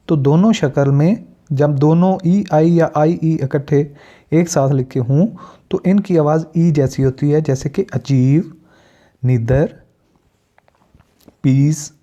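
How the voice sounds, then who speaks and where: A man from Pakistan giving a pronunciation lesson, explaining sounds deliberately and listing example words one at a time. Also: a little high, dark tone. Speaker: English teacher. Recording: dull lo-fi recording.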